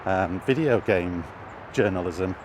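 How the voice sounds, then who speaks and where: This middle-aged British man is a vlogger thinking aloud as he walks through a city, rambling casually and frequently hesitating. His voice is low-pitched and unhurried. Traffic makes the outdoor recording noisy, with street and vehicle noise clearly audible.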